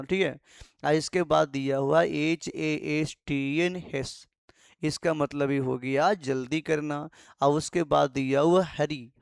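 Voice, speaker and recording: Gravelly man teaching vocabulary. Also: on the high side, dry recording, studio quality. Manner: repetitive, asks students rhetorical questions. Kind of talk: explanatory Hindi lesson.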